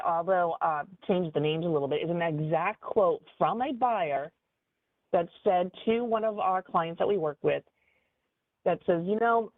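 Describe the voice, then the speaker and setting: A woman business advisor giving a webinar training in an animated, conversational way, with frequent fillers. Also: on the low side, dry recording. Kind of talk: webinar presentation. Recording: tinny phone-like dry audio.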